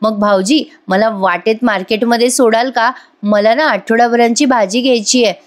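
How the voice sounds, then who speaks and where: A chatty young sister-in-law, voiced by a woman, asking favours. She speaks in a fairly high, lively voice. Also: moderate pace, close to an everyday voice.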